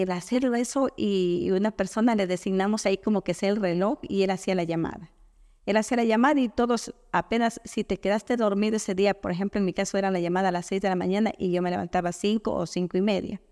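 Una mujer de Ecuador, invitada en una entrevista informal, que cuenta anécdotas con animación y recrea diálogos. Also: female voice, medium pitch, quick pace, long reverb tail. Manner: animated storyteller, quotes others in dialogue. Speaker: guest. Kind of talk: casual conversational interview.

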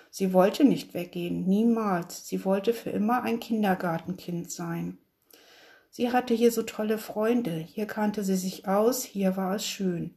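Woman, narrator, children's story read aloud, gentle, mellow voice. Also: medium pitch.

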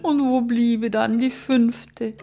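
This is a pompous male frog conductor from a storybook fable, put on by a woman reader. He lays out fussy instructions to his players in a slow, gravelly voice. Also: a little high, steady tone, warm tone. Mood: relieved. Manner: fussy, instructive orders to the orchestra.

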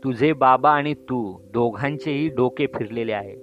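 A man's voice: mid-range voice, unhurried, close to an everyday voice. A man voicing a flustered, fussy middle-aged mother in a storybook reading, scolding and protesting, on a dull lo-fi recording with faint music. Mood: fussing.

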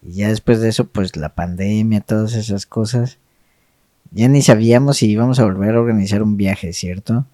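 A man's voice: on the low side, moderate pace, warm tone, no room sound, clean studio sound. A man co-hosting a podcast, chatting reflectively in a meandering way that often seeks agreement. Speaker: podcast co-host. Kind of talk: casual, reflective chat.

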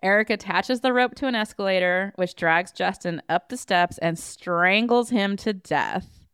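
Woman podcast host, smooth voice, dry close sound, casual movie recap with sarcastic jabs. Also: mid-range voice, measured pace, fairly bright tone, dry recording. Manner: wry, sarcastic asides between plot summary.

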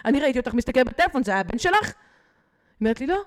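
A woman as a podcast guest expert, telling animated stories and acting out the people she quotes while speaking directly to the host. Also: a little high. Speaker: guest expert on digital habits. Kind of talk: podcast interview, animated storytelling.

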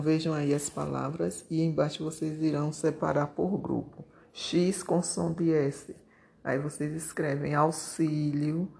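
A teacher, correcting workbook exercises aloud and repeating each answer word slowly and deliberately. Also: medium pitch, creaky, warm tone. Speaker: primary school teacher.

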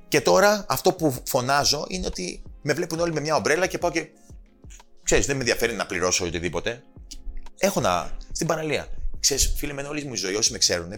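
A man's voice: mid-range voice, a bit bright. A man guest on a casual podcast, talking passionately and emphatically, swearing freely and quoting people in changed voices. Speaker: podcast guest, personal trainer and author.

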